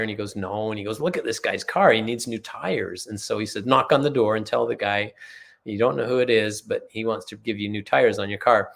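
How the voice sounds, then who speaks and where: A man's voice: lowish voice, creaky. A man from Utah, a podcast guest, telling earnest, rambling family anecdotes in a casual chat, acting out quotes as he goes. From Utah, USA. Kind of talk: casual storytelling in conversation.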